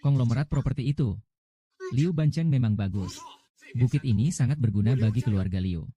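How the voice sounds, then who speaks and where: A man's voice: mid-range voice, animated, brisk, warm tone. A man reading every part of a dubbed short drama as voice-over, with little change from one character to the next.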